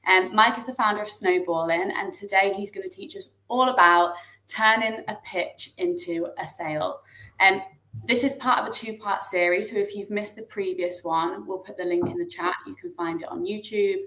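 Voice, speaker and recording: A webinar host speaks over a video call in a medium-pitched, sharp-toned voice at a moderate pace. She introduces the guest and politely reads out a formal disclaimer. The room audio is echoey.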